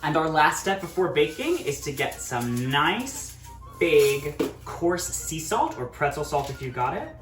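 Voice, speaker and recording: A man's voice: on the high side, very animated, measured pace, a bit bright, roomy sound, soft background music. A man hosting a casual cooking demonstration in a kitchen, upbeat and chatty, calling his viewers friends. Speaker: cooking video host.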